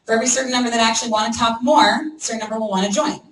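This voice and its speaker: A woman giving a lively training talk to a room of people, checking in constantly with "okay?" and "right?". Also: on the high side, very fast, a little hiss or hum. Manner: energetic, acts out prospects' voices, frequent "okay?" and "right?". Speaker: network marketing trainer. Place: meeting room with an audience. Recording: echoey room, mic from far off.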